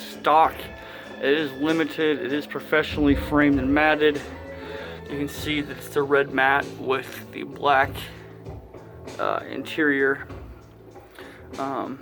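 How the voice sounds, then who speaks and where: Man, 30s, lisp with whistling s, slow halting casual delivery, collector's home video tour, clear background music. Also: a little high. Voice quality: lisp with whistling s from new braces. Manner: halting, pauses mid-sentence. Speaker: collector presenting own collection. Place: inside a house.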